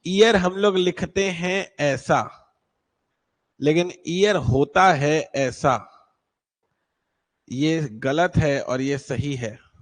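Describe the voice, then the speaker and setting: A man's voice: a little high, drawn-out words, long pauses. A man teaching an online class, patiently quizzing students and checking whether anyone is struggling. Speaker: exam-prep English teacher.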